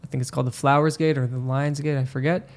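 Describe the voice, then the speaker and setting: A man from Israel sits in as a podcast guest and recounts his experiences in a loose, unhurried chat. His voice sits at an ordinary middle pitch. He keeps pausing on "um" and "you know" as he works through each story. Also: level tone. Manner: hesitant, full of "um" and "you know" fillers.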